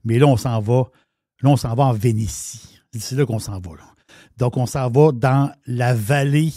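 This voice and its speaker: A man with a Québécois accent, chatting excitedly about wine as a regular columnist, his words tumbling over restarts. His mid-range voice sounds close and dry, with no room around it. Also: mid-range voice, normal speed, dry recording. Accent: Québécois French. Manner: enthusiastic, rambling, many restarts. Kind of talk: casual radio chat.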